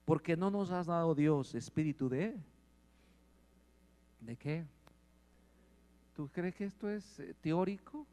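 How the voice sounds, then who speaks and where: A man preaching a sermon, asking the congregation questions and growing louder at points. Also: fairly high pitch, expressive, slow pace, pauses often, smooth. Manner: asks the congregation questions and swells in volume. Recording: long hall reverb.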